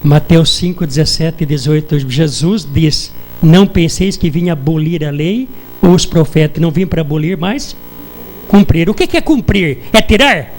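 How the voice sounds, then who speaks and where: A Brazilian preacher with a high, lifted voice, delivering a sermon in church. He keeps turning to the congregation with rhetorical questions and pauses for them to answer. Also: a little mellow, a little hiss or hum, poor audio. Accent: Brazilian Portuguese.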